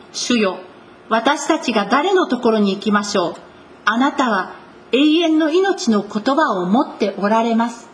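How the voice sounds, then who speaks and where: A woman delivering a sermon in an earnest preaching manner, stressing key words slowly. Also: a little high, a little hiss or hum. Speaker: pastor.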